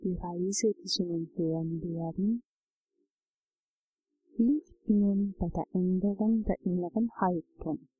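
A woman narrating a guided relaxation journey, giving calm, soothing instructions. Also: fairly low pitch, slightly rough, poor audio.

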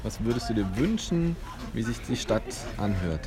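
Sex: man. Role: parent. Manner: coaxing, gently prompting. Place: outdoors. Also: medium pitch, very animated, normal speed, crowd noise. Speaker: parent at a festival.

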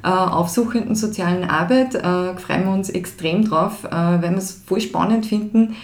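A woman who founded a project talks as a guest on a podcast in a casual conversation, sounding emphatic and full of hesitation fillers. Her voice sits on the low side and moves at a moderate pace, and the recording has a roomy echo.

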